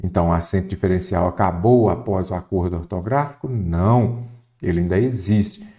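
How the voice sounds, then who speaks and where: A man with a Brazilian accent teaching a Portuguese spelling lesson for exam prep, lively and full of rhetorical questions he answers himself. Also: low voice, a little fast. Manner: addresses the student directly.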